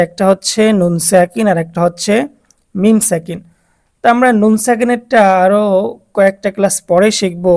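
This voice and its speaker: A Quran reading teacher with a Bangladeshi Bengali accent gives a recorded lesson, explaining rules slowly and patiently, repeating key points and asking the learners questions. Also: mid-range voice, a little mellow.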